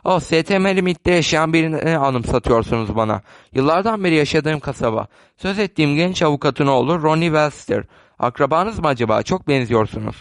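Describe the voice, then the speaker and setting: A man reading the part of a gentle, shrewd elderly spinster in a storybook reading, polite and a little fussy. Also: on the high side, lively intonation, a little fast, no room sound.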